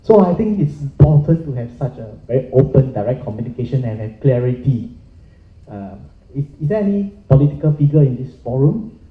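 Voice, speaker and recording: A man's voice: medium pitch, big pitch swings, a little fast. A middle-aged man from Singapore, speaking frankly and earnestly as a panelist in a discussion. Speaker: panelist in financial services. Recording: echoey room, tinny phone-like sound.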